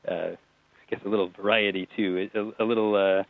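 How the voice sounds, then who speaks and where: A man's voice: lowish voice, fairly even intonation, a little fast, gravelly, no echo. A man being interviewed about a show he made, talking in a chatty, digressive way with small laughs and restarts. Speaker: TV writer-producer guest. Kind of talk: relaxed interview answers. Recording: tinny phone line.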